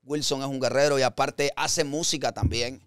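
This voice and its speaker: A young adult man hosting a podcast, telling stories in an animated, slangy way. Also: medium pitch, moderate pace, smooth, no room sound, studio quality. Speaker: podcast host. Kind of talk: casual podcast conversation.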